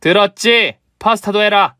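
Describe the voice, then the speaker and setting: A man's voice: high voice, moderate pace, sharp tone, no echo, pitched above the performer's own voice. A domineering older mother-in-law, voiced by a male reader, barking orders and scolding in a commanding tone. The reading is dry and close, in a storybook drama. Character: bossy newly rich older mother-in-law, haughty and scolding.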